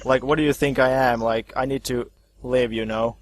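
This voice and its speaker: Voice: medium pitch, steady tone, normal speed, close to an everyday voice. A man voicing an irritated village innkeeper in a casual tabletop game, curt and indignant, with faint background noise.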